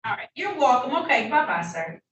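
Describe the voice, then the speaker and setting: A woman judge running formal hearings, brisk and polite, heard in a courtroom recording. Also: on the high side, very animated, a bit bright. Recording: echoey room heard from a distance, faint noise.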